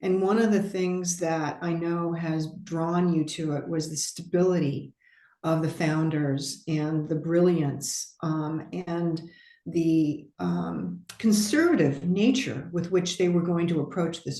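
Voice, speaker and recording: A woman interviewer asking questions in a measured, complimentary way. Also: low voice, dark tone. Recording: roomy echo.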